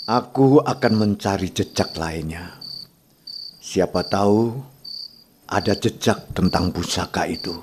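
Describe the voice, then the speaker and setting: An actor playing a stern, vengeful martial-arts warrior in old radio drama style, deliberate and threatening. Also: male voice, low-pitched, noisy background. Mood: brooding. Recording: radio drama with music behind.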